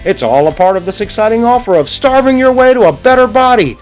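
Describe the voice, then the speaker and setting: A man putting on the voice of a loud, pushy male infomercial pitchman, with booming hard-sell patter over guitar music. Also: expressive, fast talker, poor audio.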